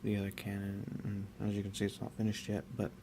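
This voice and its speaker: A young man casually talking through his hobby work, rambling and relaxed with many fillers and restarts. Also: lowish voice, fast talker, gravelly, background noise. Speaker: miniature painter.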